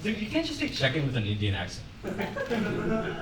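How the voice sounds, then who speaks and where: A young man delivers a stand-up set in a loose, deadpan, conversational way, laughing lightly at his own jokes. His voice sits in the middle of the male range and sounds roomy, as if the mic is a fair way off on a club stage. A noisy audience fills the space behind him. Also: medium pitch, moderate pace, far from the mic. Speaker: stand-up comedian.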